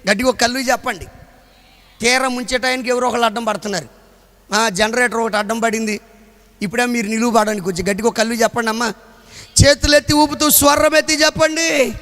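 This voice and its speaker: A male pastor preaching a revival sermon, moving from folksy storytelling to shouted, drawn-out preaching. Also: very high voice, long reverb tail. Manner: storytelling, then shouting climactic preaching with long drawn-out phrases. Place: large outdoor gathering.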